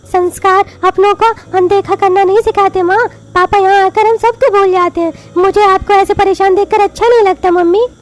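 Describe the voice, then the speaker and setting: A woman's voice: very high-pitched, fairly even intonation, moderate pace, hardly any pauses. A woman voicing a young boy who stands up for his mother in a scripted audio story. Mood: hurt. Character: young boy, defiant and protective.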